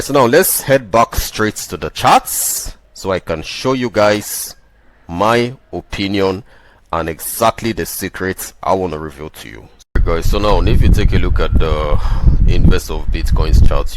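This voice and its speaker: A man giving chart commentary as a crypto host, pitching like a crypto bro in an insistent, repetitive, self-assured and emphatic way. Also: background noise. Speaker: crypto trading host who calls himself a prophet.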